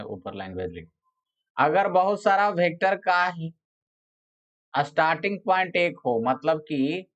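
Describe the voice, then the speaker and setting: A male physics teacher giving a classroom lecture. He explains step by step and repeats each phrase slowly while dictating notes. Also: a little high, a bit bright. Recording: dull lo-fi sound.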